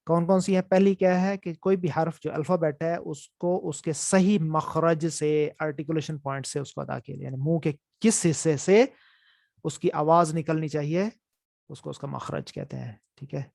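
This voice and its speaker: A man gives an online lesson on the rules of Quran recitation, repeating each point to make sure it sinks in. His voice is gravelly and sits a little high for a man. The sound is dry and close. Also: steady tone, darkish tone, no echo. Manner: explanatory, repeats key points with "theek hai". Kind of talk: online class lecture.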